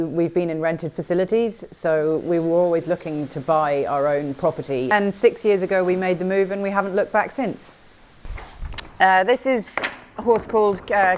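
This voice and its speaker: A middle-aged woman who grew up in Scotland, an event horse rider speaking in a filmed interview, relaxed and thoughtful, with many pauses and fillers. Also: on the low side, slight background noise. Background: faint music.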